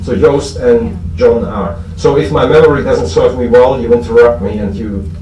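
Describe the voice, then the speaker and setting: A recovery fellowship convention speaker, male and German-accented, has a warm, steady, medium-pitched voice as he reminisces about history in a loose, hesitant public speech. He jokes dryly at his own expense. The audio is echoey and noisy, from a far-off mic before an audience.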